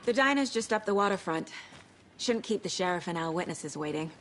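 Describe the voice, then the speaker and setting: Composed low-voiced detective. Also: female voice, lively intonation, brisk, a bit bright, a little hiss or hum, poor audio. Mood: focused. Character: composed, thoughtful female FBI agent detective. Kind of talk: video game dialogue.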